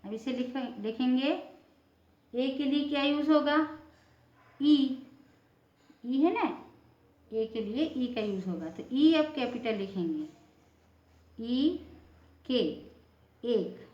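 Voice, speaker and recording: A woman's voice: high-pitched, animated, takes it slowly, pauses often, a little mellow, reverberant, dull audio. A woman teacher giving a patient lesson, spelling words out letter by letter.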